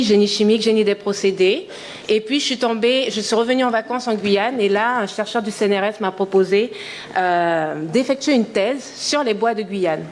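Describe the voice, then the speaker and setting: In a conference hall, a woman in her thirties from French Guiana, an entrepreneur, gives a talk in a mid-range voice with a slight hiss or hum. She speaks earnestly and enthusiastically but hesitates often.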